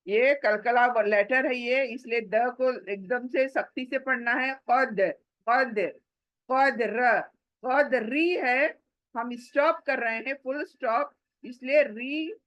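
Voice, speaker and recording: A woman patiently teaches Quran recitation in a step-by-step pronunciation lesson, explaining the rules and stretching and repeating sounds to demonstrate them. Her voice sits on the high side with a fairly bright tone, and the recording is rough, with no room sound.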